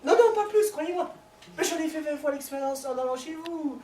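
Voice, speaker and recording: A man's voice: extremely high pitch, lively intonation, normal speed, warm tone, a little hiss or hum. A man playing a stammering, lovesick suitor on the phone. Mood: pleading. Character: lovesick man pleading with his lover by phone. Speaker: stage actor. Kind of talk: live theatre comedy. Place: small theatre stage. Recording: echoey stage recording from far off.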